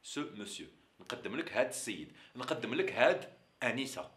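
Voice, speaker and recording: Lively, bright-voiced teacher. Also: male voice, medium pitch, roomy sound. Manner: repeats sounds and words slowly for learners. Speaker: Algerian Arabic teacher. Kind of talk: pronunciation lesson.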